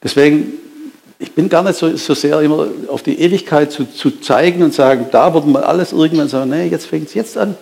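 A man preaching with a slightly high voice. He talks with lively emphasis, stops and restarts his sentences, poses questions and then answers them himself. He speaks straight to the people in front of him. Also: a little fast, vocal fry. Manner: addresses listeners directly. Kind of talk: sermon.

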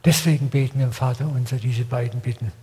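A man's voice: medium pitch, steady tone, quick pace, dark tone. An older man preaching a sermon in blunt, colloquial words, often asking his listeners rhetorical questions. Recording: long hall reverb.

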